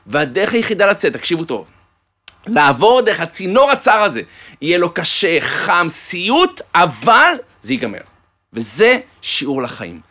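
Man preaching with jokes, bright tone, very lively delivery, storyteller. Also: sits high. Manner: animated storyteller, addresses listeners fondly. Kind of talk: sermon with joke-telling.

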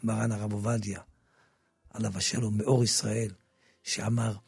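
A man preaches with a gravelly, husky voice, dropping to a low murmur and then rising to loud, emphatic bursts. He restarts and repeats words as he goes. The studio sound is dry and close, with faint music underneath. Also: little pitch movement, no room sound. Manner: frequent repetitions and restarts. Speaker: religious teacher. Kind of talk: impassioned religious talk with book promotion.

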